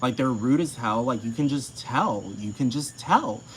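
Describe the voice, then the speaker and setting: A man's voice: medium pitch, lively intonation, normal speed, slight background noise, rough recording. A man ranting to camera in a casual, profane, heated way, repeating himself.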